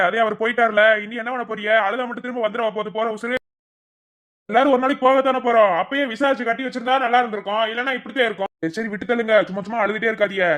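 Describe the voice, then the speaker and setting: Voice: medium pitch, a bit bright, natural voice. A performer voicing a greedy, scheming brother-in-law in a cartoon, a pushy man who talks over the grieving family with a Madurai Tamil accent. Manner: fast, pushy, dismissive talk. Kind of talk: cartoon voice acting.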